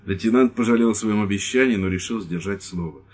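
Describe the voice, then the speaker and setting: A man reading an audiobook chapter in measured scripted narration. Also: lowish voice, a little mellow, slightly rough.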